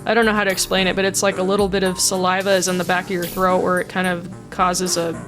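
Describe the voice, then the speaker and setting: A video creator and amateur voice actor chats casually and self-deprecatingly behind the scenes, explaining her voice acting with vocal demonstrations. She talks fast in a fairly low, monotone voice over background music.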